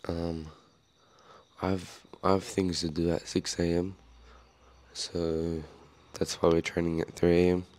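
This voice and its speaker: A young man vlogging casually from his home garage gym at night, talking quietly so he doesn't wake the neighbors. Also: deep voice, level tone, takes it slowly. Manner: quiet hushed talk so as not to wake the neighbors.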